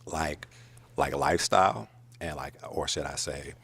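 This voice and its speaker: A man's voice: rumbling low, a little slow, gravelly, fairly bright tone, slightly rough. A man on a dating show, talking casually and hesitantly with a lot of fillers. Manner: hesitant, many fillers, easygoing.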